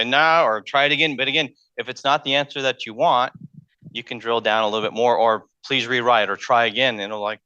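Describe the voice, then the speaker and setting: Chatty male college lecturer, bright tone. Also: mid-range voice, clean tone, dry recording, highs cut off. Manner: conversational, thinks aloud, repeats words. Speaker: math lecturer. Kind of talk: public lecture. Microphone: handheld mic.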